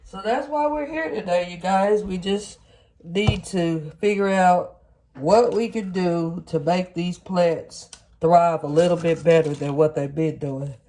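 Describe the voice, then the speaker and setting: Stuffy, congested nasal voice, mellow plant vlogger. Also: medium pitch, measured pace. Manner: folksy, explains step by step. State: congested after sinus surgery. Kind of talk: casual hands-on demonstration to viewers. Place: home kitchen at the counter.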